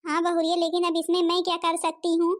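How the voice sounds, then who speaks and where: A woman playing an old cartoon mother-in-law, self-pitying, plaintive, very high voice. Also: completely flat delivery, fast. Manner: complaining, plaintive. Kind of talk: Hindi cartoon voice acting.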